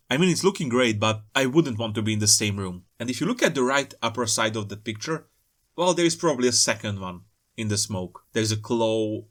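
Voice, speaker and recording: A man hosts a hobby video, offering casual, playful commentary on trailer pictures that has a scripted feel, dropping jokey asides. His voice is mid-range and fairly bright.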